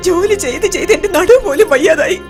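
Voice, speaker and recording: An indignant, high-voiced wife. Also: female voice, fast, darkish tone, faint music behind. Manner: indignant, reproachful. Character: proud, indignant middle-aged wife and mother. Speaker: commissioner's wife. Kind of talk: dubbed film acting.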